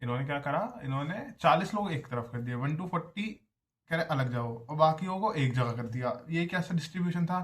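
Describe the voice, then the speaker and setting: A man's voice: a little high, lively intonation, a little fast. Young college guy rambling a class story, chatty, calls everyone bro. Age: young adult. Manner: chatty, keeps addressing viewers as brother. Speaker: college student vlogger. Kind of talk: casual storytelling vlog.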